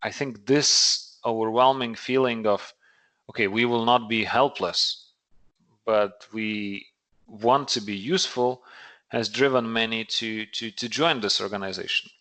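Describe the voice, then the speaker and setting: A man's voice: lowish voice, a little slow, pushed and bright. A man, a podcast guest explaining things thoughtfully and searching for words. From Lithuania. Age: late 30s. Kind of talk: earnest podcast conversation.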